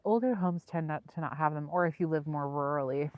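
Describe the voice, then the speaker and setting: Hosting a lakeside livestream, a Southern California woman speaks in a low, brisk voice, chatting easily and rambling with viewers. The sound has no echo, but the high frequencies are cut off.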